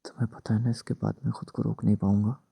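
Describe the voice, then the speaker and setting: A man voicing a young husband married to his ex, gruff but tender, in a hushed, soothing, teasing whispered role-play. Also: lowish voice, little pitch movement, quick pace, no room sound, full character voice.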